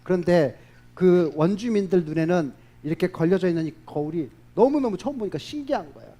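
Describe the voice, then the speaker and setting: A male pastor preaching a sermon, telling stories in a lively way and acting out the voices of the people in them. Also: high voice, brisk, muffled recording.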